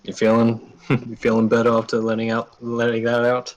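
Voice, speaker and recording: A man voicing a steady male war comrade with a dry, joking way of talking. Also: mid-range voice, moderate pace, highs cut off, lightly acted.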